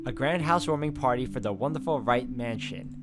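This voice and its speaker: Over music, a video game player dramatizes the narration of a visual novel, reading it aloud and adding sarcastic comments along the way. He talks fairly quickly in a medium-pitched voice with lively intonation.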